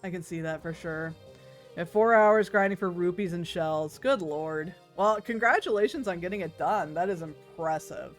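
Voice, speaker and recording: A woman's voice: fairly low pitch, moderate pace. A woman giving casual, chatty video game commentary as a streamer, playful and wry, with some swearing. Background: music.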